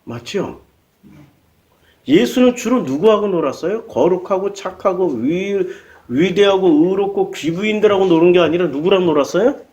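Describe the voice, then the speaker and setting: Male pastor, high voice, folksy sermon style, keeps throwing questions at the pews. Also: animated, normal speed, a little mellow, dull audio. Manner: colloquial, peppers congregation with rhetorical questions.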